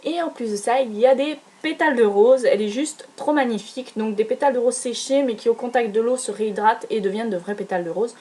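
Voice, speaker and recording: A woman's voice: on the high side, fast talker, few pauses, mellow. A young adult woman chatting casually through a beauty product haul, gushing and hesitant, with many fillers and restarts. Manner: enthusiastic, gushing. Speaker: beauty vlogger.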